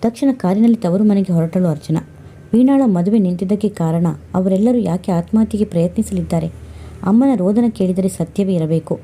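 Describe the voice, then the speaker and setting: A woman narrating a scripted family story in a steady, expressive reading. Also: mid-range voice, fairly quick.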